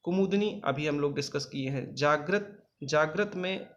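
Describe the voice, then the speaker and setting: A man's voice: fairly high pitch, fairly bright tone. Patient spelling teacher, man. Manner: patient, repeats each word slowly and spells it out. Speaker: exam coaching teacher. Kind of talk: spelling lesson over written slides.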